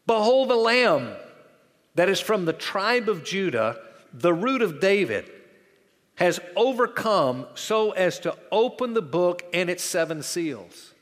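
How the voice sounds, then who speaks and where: A fairly high-voiced man preaches a sermon in a church sanctuary, swinging from loud, urgent passages to quiet, hushed ones. His voice carries a long reverb from the hall around him. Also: sing-song, a little slow. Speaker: pastor.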